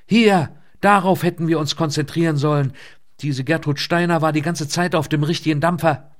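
A man's voice: on the high side, steady tone, normal speed, pitched above the performer's own voice, natural voice. A man doing a distraught, groaning chief archivist. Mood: urgent. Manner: groaning, then agitated and urgent. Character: pale, distraught middle-aged male chief archivist.

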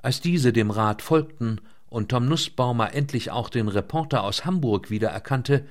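A man reading a novel aloud in a measured, scripted way, slowing down on key words. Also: mid-range voice. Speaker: audiobook narrator. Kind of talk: scripted narration.

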